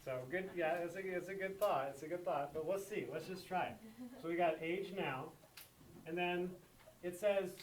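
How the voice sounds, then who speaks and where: Man teaching math to a class, higher-pitched, emphatic, recorded from across an echoey classroom. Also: normal speed, distant mic, a little hiss or hum. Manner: repeats key points with emphatic checks. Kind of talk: classroom lesson.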